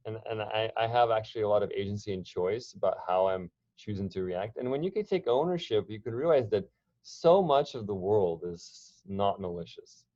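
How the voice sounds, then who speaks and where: A man's voice: mid-range voice, a little mellow, no room sound, highs cut off. A man presenting an online workshop, talking conversationally with frequent restarts and fillers. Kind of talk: online training talk.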